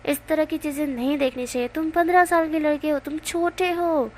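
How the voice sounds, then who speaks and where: A woman's voice: high voice, steady tone, slight background noise, natural voice. A woman reading out a flustered grown man. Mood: lecturing. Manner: halting, full of fillers. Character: adult man, stern guardian figure.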